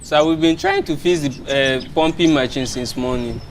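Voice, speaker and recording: An actor playing a timid male houseboy who answers his boss softly and deferentially. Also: mid-range voice, normal speed, slight background noise, natural voice. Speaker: servant.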